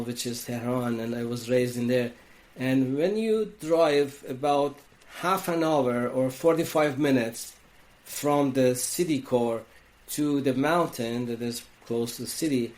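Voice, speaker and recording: An Iranian-accented man speaks as a guest on a conversational podcast. He talks slowly and thoughtfully, pausing and restarting as he works through ideas. His voice sits at a middle pitch. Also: darkish tone. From Iran. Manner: slow, thoughtful, with frequent restarts. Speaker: podcast guest, wellness coach. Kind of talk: reflective interview talk.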